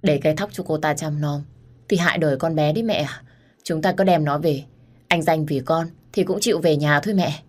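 A woman's voice: sits low, fairly quick. A woman voicing a spiteful, vain young woman who speaks with sneering contempt in a storybook reading.

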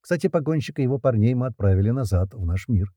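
A man's voice: mid-range voice, animated, quick pace, mellow, husky, dry recording, clean studio sound. A man narrating an audiobook in the first person, casual and slangy.

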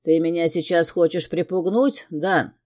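A woman's voice: on the low side, unhurried, a little mellow, close to an everyday voice. A woman reading an audiobook and voicing a tough, hot-tempered male crime boss who gives harsh commands. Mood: cold. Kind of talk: audiobook character voice.

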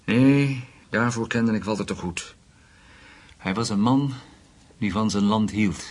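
In a Dutch radio play, a male actor with a lowish voice plays a measured, discreet senior German investigator. He speaks deliberately and formally, sounding firm and reasoning.

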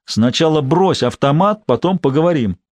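A man's voice: fairly high pitch, lively intonation, moderate pace, a little mellow, no room sound, clean studio sound, close to an everyday voice. A man voicing a stern Egyptian male police detective who barks firm commands. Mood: commanding.

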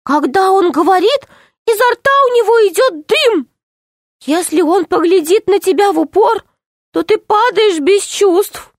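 Cast: woman doing a tiny jumpy gnome, high and squeaky, bouncing pitch. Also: unhurried, dry recording, studio quality, heavily acted. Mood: alarmed. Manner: squeaky, excited exclamations. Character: small frightened excitable male gnome.

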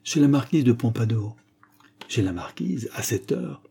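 A man's voice: mid-range voice, lively intonation, a little slow, creaky, dark tone, slightly rough, exaggerated voice. A man reading the part of a young noblewoman in an audiobook, dignified and dismissive. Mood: coolly dismissive.

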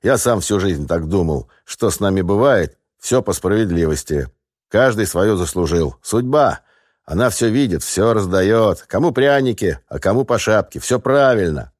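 A man voicing a boastful, loud middle-aged gang boss in an audiobook, with a booming, swaggering delivery. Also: expressive, moderate pace, no echo, studio quality. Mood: boisterous.

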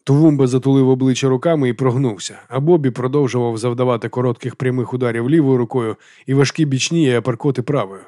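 A man narrating a novel as an audiobook in a steady, even manner. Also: medium pitch, fast, few pauses, no room sound, studio quality.

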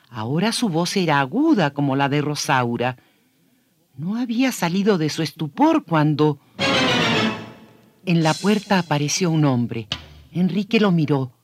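A man telling a scripted children's story on the radio in an expressive way, speaking directly to young listeners. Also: on the high side.

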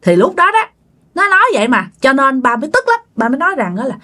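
A woman's voice: high-pitched, very animated, quick pace, pushed and bright. A woman telling a ghost story, speaking animatedly and addressing her listeners directly. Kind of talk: spoken ghost story narration.

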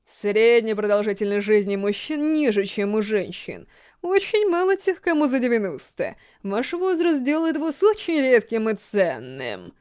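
A woman voicing a refined, sinister male ghoul gourmet in a storybook reading, slow and theatrical. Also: on the high side, very animated, darkish tone, smooth. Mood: savoring. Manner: slow, savoring, theatrical delivery.

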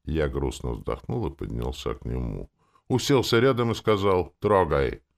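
A man narrating a first-person fantasy audiobook in a wry, expressive way. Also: extremely low pitch, normal speed, gravelly.

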